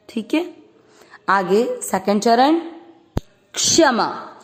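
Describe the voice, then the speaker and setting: Slow, patient woman teaching Sanskrit pronunciation. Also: mid-range voice. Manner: patient, drawing out syllables when chanting the verse. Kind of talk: slow syllable-by-syllable pronunciation lesson.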